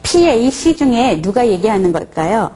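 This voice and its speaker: Brief: female lecturer, slightly high and husky, teaches counseling with questions to the class. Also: big pitch swings, moderate pace, warm tone. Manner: asks the audience rhetorical questions; acts out short workplace dialogues. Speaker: university professor lecturing.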